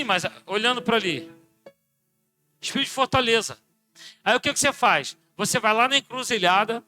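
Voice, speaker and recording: High, bright-voiced Brazilian pastor preaching. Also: male voice. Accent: Brazilian Portuguese. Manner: animated preaching, swings from shouting to near-muttered asides, acts out dialogues. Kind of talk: sermon. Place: church.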